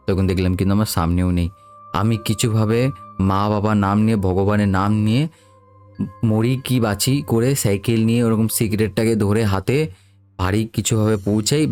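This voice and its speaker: A man's voice: lowish voice, a little mellow. A young man telling a first-person ghost story in a casual, rambling way, full of fillers and asides.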